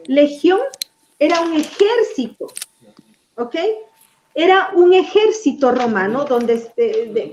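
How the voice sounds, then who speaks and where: A woman preacher teaching from the Bible in a lively, conversational way, asking her audience questions. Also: high voice, roomy sound, slight background noise.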